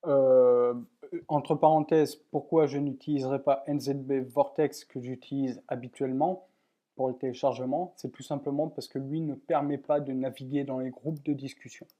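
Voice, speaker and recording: A software tutorial presenter walks viewers step by step through a computer program in a plain, methodical screen recording, using lots of fillers and frequent "voilà." His medium-pitched voice has fairly even intonation at a normal speed, and the highs are cut off.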